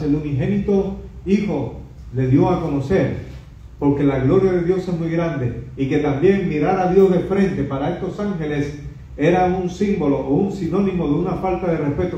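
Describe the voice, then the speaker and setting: A man preaches a Bible study sermon with emphatic delivery and a mellow, dark tone. He is heard from away from the microphone. The room echoes strongly and the sound is dull. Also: a little high, recorded from a distance. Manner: emphatic, dramatizes scripture quotes. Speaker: pastor teaching a Bible study.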